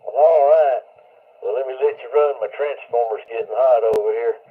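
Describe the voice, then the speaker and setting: A man speaks as net control over a ham radio link, his voice squeezed into a thin, tinny band with static around it. His delivery is slow, folksy and unhurried, at a middling pitch. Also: breathy edge. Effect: ham radio transmission with static. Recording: tinny narrow radio signal.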